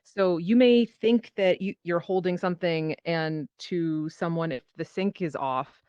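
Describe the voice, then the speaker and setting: A woman panelist who performs in VR theatre and hosts a show tells animated stories in a casual online voice chat discussion. Her voice is fairly low, unhurried and darkish, with a clean tone and no echo, though the voice chat audio is dull and lo-fi.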